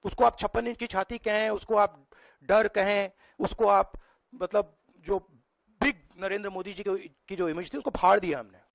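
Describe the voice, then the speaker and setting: A man's voice: sits high, fairly even intonation, moderate pace, vocal fry, no echo, muffled recording. A man speaking as a guest in a heated TV debate, defiant and emphatic.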